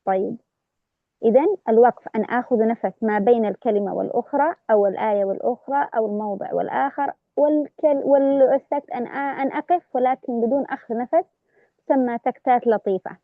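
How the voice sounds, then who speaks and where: A woman with a high voice teaches recitation rules and recites verses slowly to show them. The sound is dry and close, with a dull, lo-fi tone. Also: dry recording. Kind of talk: tajweed lesson with recited examples.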